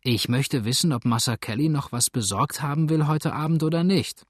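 A man's voice: on the high side, normal speed, slightly rough, no echo, clean studio sound, voice pushed up. A man voicing an impatient young sailor in an audiobook.

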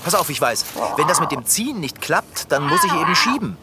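A performer playing a patient, practical cat owner in a children's radio play, calmly coaxing and reasoning. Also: mid-range voice, brisk, very noisy, lightly acted. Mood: helpful.

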